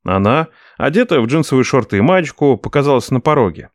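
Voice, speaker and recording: A man reading first-person scripted narration in a dry, wry, expressive way. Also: medium pitch, a little fast, no echo. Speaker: audiobook narrator.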